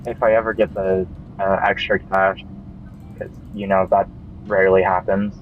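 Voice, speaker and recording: A low-voiced man talks in an easygoing, chatty way over headset voice chat. The sound is dull and lo-fi. A faint hiss sits behind him. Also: little pitch movement, moderate pace. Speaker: co-host on a gaming stream. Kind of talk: casual chat.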